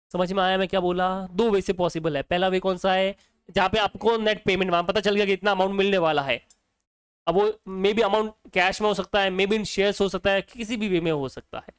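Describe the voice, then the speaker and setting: Guy teaching accounts, keeps asking the class questions, high clear voice, dry sound. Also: fairly bright tone, dry recording. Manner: quizzing students with repeated questions. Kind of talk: exam-prep lecture.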